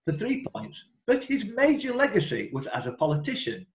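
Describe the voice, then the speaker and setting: A man with a high voice and wildly swooping pitch hosts an online quiz at a moderate pace, reading out questions chattily and informally and breaking off into asides. He's on a video call in an indoor room, and the recording has a roomy echo.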